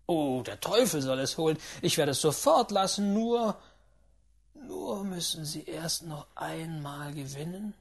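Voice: mid-range voice, expressive, gravelly, slightly rough, full character voice. Reader voicing an agitated, defiant gambler. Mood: mocking. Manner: raised, heated, rapid outbursts. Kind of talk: audiobook reading.

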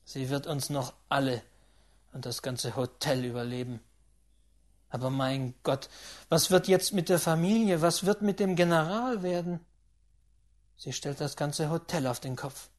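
A woman reading a classic novel aloud in calm, measured scripted narration. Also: low-pitched. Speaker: audiobook narrator.

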